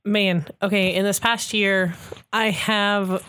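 A woman co-hosting a casual podcast, talking in lively quick bursts. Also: medium pitch. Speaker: podcast co-host.

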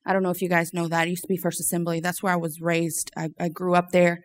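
A woman with a fairly low voice shares an informal personal testimony with a group. She is from Louisiana and speaks hesitantly, often pausing to search for words. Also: monotone. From Louisiana, United States. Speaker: church member giving testimony.

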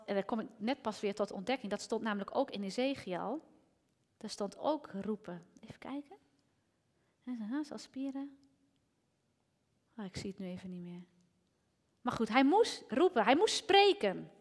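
Woman preaching, higher voice, swings from loud calls to whispers, big hall echo. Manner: lively, rising to near shouting, dropping to whispers. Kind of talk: sermon. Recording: long hall reverb.

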